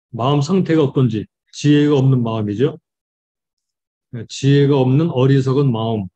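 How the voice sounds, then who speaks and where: A man, a pastor, giving a Bible study lecture, reading verses slowly and explaining them with frequent fillers. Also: mid-range voice, warm tone, breathy edge.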